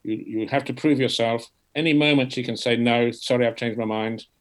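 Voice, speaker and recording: This man explains an idea at an even pitch. He speaks in an ordinary middle register and often repeats a word as he restarts a sentence, in a loose seminar discussion. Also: brisk, low-quality recording. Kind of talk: academic discussion.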